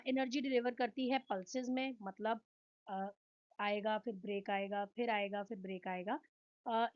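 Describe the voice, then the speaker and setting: This physiotherapy instructor speaks in a slightly high voice with an Indian accent, explaining her subject in mixed Hindi and English. She raises questions and then works through the answers point by point, captured on dull-sounding audio.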